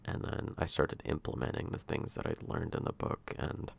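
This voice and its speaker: A man speaking softly and intimately, close to a whisper, in a drifting, hesitant ASMR whispered role-play ramble. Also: moderate pace. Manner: hushed, intimate, near-whisper at times.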